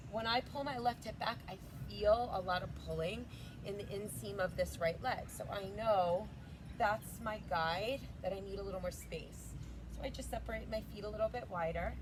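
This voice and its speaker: A woman's voice: medium pitch, background noise. A woman teaching a yoga flow outdoors, cueing breaths and poses in a chatty, casual way. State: slightly out of breath. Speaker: yoga instructor.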